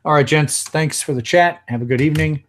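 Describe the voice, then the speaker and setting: A man's voice: on the high side, brisk. A man with a Chicago accent chatting casually on a video call, easygoing as he hosts.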